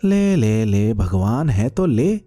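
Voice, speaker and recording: A man voicing a quarrelsome, spiteful older woman neighbor who scolds in a shrill village dialect. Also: big pitch swings, measured pace, warm tone, soft background music. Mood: frenzied.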